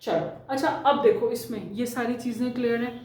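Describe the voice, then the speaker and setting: A woman from India teaching a chemistry lesson in a mix of Hindi and English, drawing out technical terms slowly as she writes. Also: on the high side, fairly even intonation, darkish tone. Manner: slow, stretches out technical terms while writing. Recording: very echoey room, voice far from mic.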